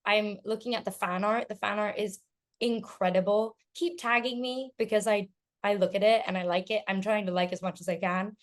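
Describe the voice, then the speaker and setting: A woman with a medium-pitched voice and fairly even intonation speaks at a moderate pace, her accent a blend of British and American from growing up in London and Italy. She chats as an actor guest in a casual interview, laughing often and correcting herself.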